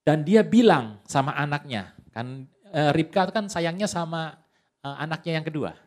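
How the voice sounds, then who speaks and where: A fairly high-voiced male pastor gives a lively sermon. He jokes as he goes, and his pitch swings widely as he speaks straight to the congregation. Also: moderate pace. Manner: lively, joking, addresses the congregation directly.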